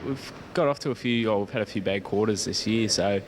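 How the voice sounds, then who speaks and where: This young man, an Australian rules footballer being interviewed, answers in a casual, rambling, hesitant way with an Australian accent. His fairly low voice moves a little fast.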